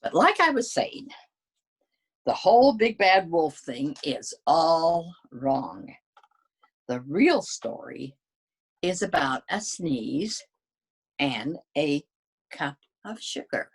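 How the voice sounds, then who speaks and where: Storybook wolf played by a woman: sly, folksy, self-justifying, low and slow-paced. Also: big pitch swings, breathy edge, heavily acted. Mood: folksy, incredulous. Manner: conversational, protesting his innocence. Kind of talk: dramatic children's storybook reading.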